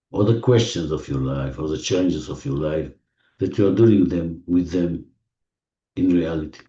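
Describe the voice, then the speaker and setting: A deep-voiced man guides a listener through a visualization, speaking slowly in English with non-native phrasing. His instructions are gentle and repetitive, broken by deliberate pauses, and the recording sounds muffled and distant in an echoey room.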